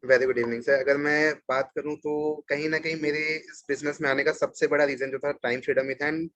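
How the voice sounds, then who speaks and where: A man's voice: fairly high pitch, little pitch movement, moderate pace, fairly bright tone, dry recording. Man explaining business tips on a panel. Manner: mixes Hindi and English, explains with examples. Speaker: webinar panelist. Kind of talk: motivational panel talk.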